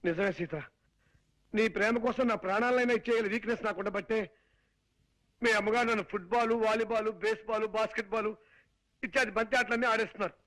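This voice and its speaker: Casting: wordy put-upon comic suitor, very high bright voice, exasperated. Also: male voice, fairly even intonation, quick pace, long pauses, rough recording. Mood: mock-tragic. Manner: exasperated, shouting to be heard, wordplay. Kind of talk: film comedy scene.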